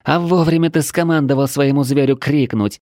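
A man voicing a tough female archer warrior with a raspy, gruff voice in an audiobook. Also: fairly high pitch, normal speed, darkish tone, no echo, clean studio sound, voice pushed up, close to an everyday voice. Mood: exultant.

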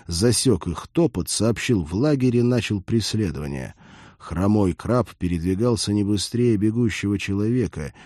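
A man narrating an audiobook in a steady storytelling delivery. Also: fairly low pitch, no room sound, clean studio sound. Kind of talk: scripted narration.

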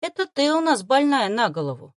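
A woman reading an audiobook voices a grumpy, sardonic male arctic fox familiar who talks in a huffy, condescending, scolding way, with a raised, lively voice in a dry recording. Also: high-pitched, a little fast, dry recording, pitched above the performer's own voice. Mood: grumbling.

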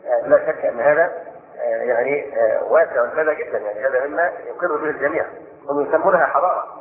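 An older man teaches scripture at a brisk clip, slowing only to recite the verses he quotes. His voice sits in an echoey room and comes through a thin, phone-like line. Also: medium pitch. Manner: quick explanatory delivery, slows to recite verses. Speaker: Islamic scholar giving Quran commentary. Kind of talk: spoken Quran commentary lesson.

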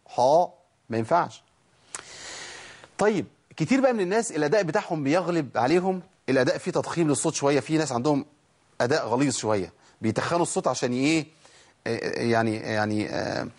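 Fast-talking Egyptian man teaching recitation. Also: medium pitch, darkish tone, breathy edge. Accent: Egyptian Arabic. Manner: drills letter sounds aloud, asks and answers his own questions. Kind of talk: tajweed lesson.

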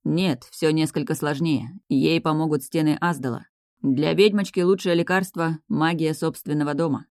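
Woman playing a steady male mage guardian, low and calm, audiobook figure. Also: moderate pace, no echo, studio quality. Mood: firm. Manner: calm, firm, protective.

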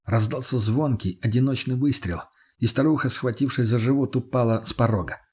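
Male audiobook narrator, husky, mid pitch, measured and steady.

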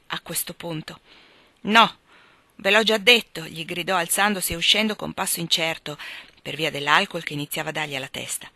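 Bright-voiced woman reading a novel. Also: on the low side, dry recording. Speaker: audiobook reader. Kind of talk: literary reading aloud.

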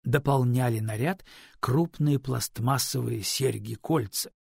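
A man narrating an audiobook in a measured, unhurried reading. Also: mid-range voice, gravelly, husky, no room sound, clean studio sound. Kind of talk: scripted narration.

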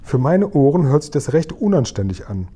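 A man reading aloud, voicing a calm, dignified older queen with a formal, polite manner. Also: on the high side, brisk, breathy edge, pitched above the performer's own voice. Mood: composed.

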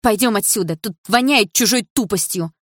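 A woman reading an audiobook, voicing a sharp-tongued but vulnerable teenage girl in a raised, higher voice. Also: fairly quick, dry recording, studio quality, close to an everyday voice. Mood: defiant. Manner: raised higher voice, snappish retorts.

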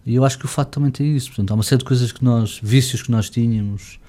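A middle-aged fado singer with a slightly grainy, dark, medium-pitched voice talks at a racing pace as a guest in a casual interview. He reflects as he chats, restarting his sentences many times.

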